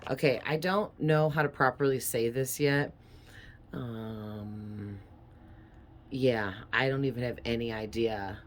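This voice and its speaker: A woman's voice: rumbling low, takes it slowly, slight background noise. A woman giving a casual tarot reading in a chatty, rambling way, breathing a little heavily from a sinus infection. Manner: rambling, chatty, with fillers and soft laughs. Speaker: tarot reader.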